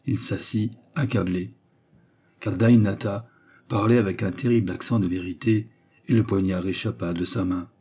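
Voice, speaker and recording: A man reading a novel aloud as narrator, in a measured, dramatic way. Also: lowish voice, steady tone, dark tone, husky. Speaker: audiobook narrator. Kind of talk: scripted narration.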